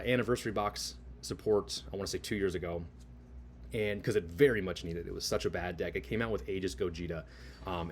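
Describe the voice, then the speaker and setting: A man with a deep voice talks through a casual card game review. He gushes with enthusiasm while explaining, punching important words. Faint noise sits behind his voice. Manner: gushing, enthusiastic. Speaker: card game content creator.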